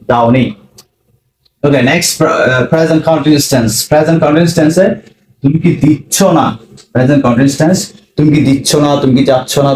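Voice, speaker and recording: Guy teaching english, slow drills, slightly high voice, roomy echo. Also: a little mellow. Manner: slow, repeats drill phrases. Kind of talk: spoken English lesson. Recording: echoey room.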